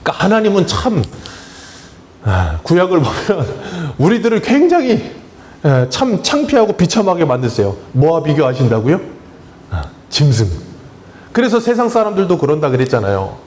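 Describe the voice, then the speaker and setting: Preaching a sermon in a church sanctuary, a man whose voice sits a little high for a male swings through huge pitch changes at a normal speed, with a darkish tone. Chatty and plain-spoken, he keeps questioning the congregation and supplying the answers, adding touches of humor.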